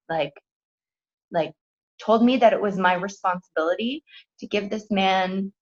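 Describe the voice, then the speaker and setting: A woman speaking as an interview guest, halting, with many fillers and sighs. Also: on the low side. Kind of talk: emotional interview conversation. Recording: dull lo-fi remote audio.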